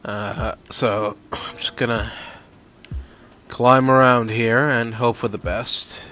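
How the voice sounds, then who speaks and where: A man's voice: medium pitch, steady tone, takes it slowly, sharp tone, a little hiss or hum. A man giving easygoing, chatty let's-play commentary, swearing casually as he plays. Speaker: gaming YouTuber.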